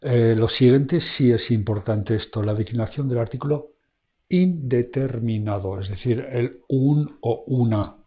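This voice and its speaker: A man walks through German grammar in a loose, conversational way. His voice is soft and mellow, and his talk is full of fillers. He slows right down when he reads each German example aloud. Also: mid-range voice. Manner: relaxed, chatty, many fillers, reads German examples slowly. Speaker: German language teacher. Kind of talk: casual online lesson, explaining grammar.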